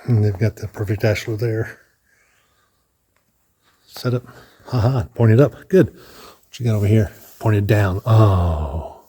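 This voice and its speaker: Speaking slowly with long pauses, the man has a fairly low, dark, slightly rough voice. He's a vlogger casually walking and narrating a building tour through hallways and large rooms, thinking out loud, starting over at times, and slightly winded.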